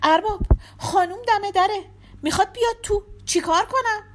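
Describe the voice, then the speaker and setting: A woman narrator voicing a simple-minded male servant, flustered and talking loudly in a raised voice. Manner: flustered, loud and high.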